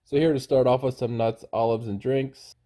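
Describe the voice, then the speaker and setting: A man narrating a travel review casually, in a plain, low-key, informal way. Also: steady tone, moderate pace, warm tone. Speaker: travel vlogger.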